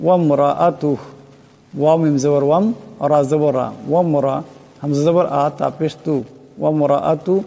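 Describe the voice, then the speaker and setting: A man teaching Quran recitation, spelling out each word and chanting the verses slowly. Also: a little high, steady tone, vocal fry, mellow, big-room sound. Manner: slow melodic chanting of verses, quick plain explaining.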